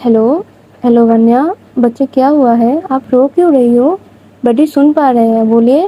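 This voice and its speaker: A woman voicing a short-tempered young woman boss who talks in a quick, scolding way. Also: a little high, fairly even intonation, mellow, lightly acted, poor audio. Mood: soothing. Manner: scolding, rapid and impatient.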